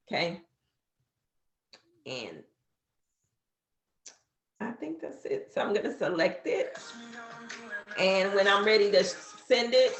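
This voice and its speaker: In an echoey room, a woman in her fifties with a mid-range voice takes a beginner through an app one step at a time. She's a business coach teaching social media, and her casual walkthrough is chatty and filled with fillers.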